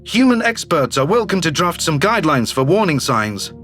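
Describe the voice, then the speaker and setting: In a sci-fi audio drama, a man reads as a brash, slick alien politician, a newly elected male governor full of glib self-assurance, sounding breezy and confident. His voice is a little high and fairly bright, with big pitch swings at a normal speed, and it's pitched below the performer's natural voice. Faint music plays behind him.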